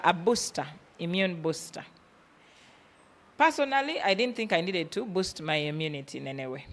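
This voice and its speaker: A woman with a Ugandan accent and a somewhat low, slightly bright voice presents a motivational business workshop. She is emphatic and instructive, often posing rhetorical questions and then answering them.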